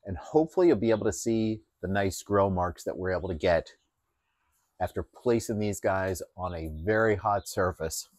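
A man calmly explaining how he marinates and grills chicken, step by step with plenty of fillers. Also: fairly low pitch, dry recording. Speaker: home cook. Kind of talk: casual cooking demonstration. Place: outdoors at a grill.

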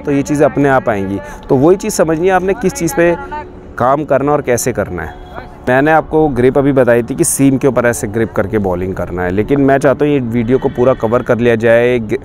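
Recorded on a lapel mic with the camera facing him, a cricket coach in his thirties gives an outdoor tutorial, going through bowling grips step by step while holding up a ball grip. His voice sits at medium pitch and sounds a little mellow.

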